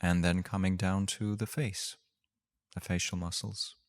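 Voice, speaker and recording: A meditation teacher guides a session, his voice sitting low with a level tone. He speaks gently and unhurriedly, leaving long pauses.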